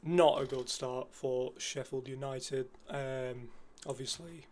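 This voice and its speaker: A man guesting on a casual football predictions chat, relaxed with frequent ums and uhs. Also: mid-range voice, slow.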